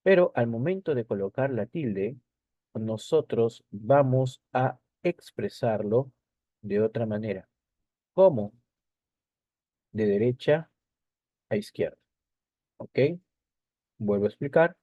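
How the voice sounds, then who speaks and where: A man's voice: medium pitch, expressive, slow pace, long pauses, no room sound, phone-quality sound. A male teacher explaining a lesson over slides, repeating key points and checking in with short tag questions.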